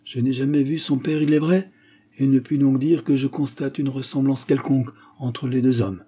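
A man reads a composed, sharp-minded detective in an audiobook. The voice is mellow and a touch husky, and it stays steady and certain as the detective explains himself. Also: medium pitch, moderate pace, pitched above the performer's own voice, natural voice. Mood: assured. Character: calm, confident male detective, sharp-minded. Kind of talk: audiobook character reading.

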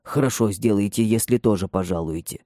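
Мужчина-чтец озвучивает управляющего имением, который почтительно и сдержанно сообщает печальную новость. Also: male voice, lowish voice, brisk, warm tone, no echo, studio quality, lightly acted. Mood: grave. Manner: subdued, respectful. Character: grave male estate steward bearing bad news.

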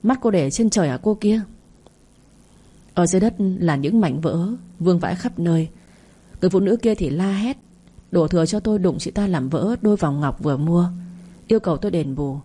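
A woman narrating a first-person story in a steady, earnest audiobook reading. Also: lowish voice, brisk, slightly rough.

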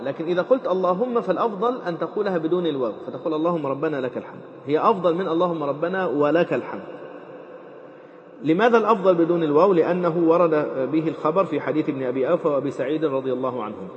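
Guy lecturing on fiqh quick, slightly high voice, dull recording with a long hall echo. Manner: rapid, repeats and quotes phrases, frequent fillers. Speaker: Islamic jurisprudence teacher. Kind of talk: explaining a legal text.

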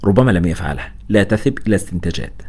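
A man's voice: low-pitched, lively intonation, racing, mellow, slightly rough. A man voicing an exhausted, sleepy male hospital director who talks in a weary, dismissive way.

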